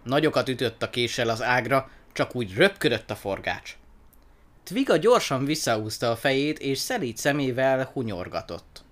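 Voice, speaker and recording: Animated man reading a story aloud. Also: mid-range voice. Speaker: narrator.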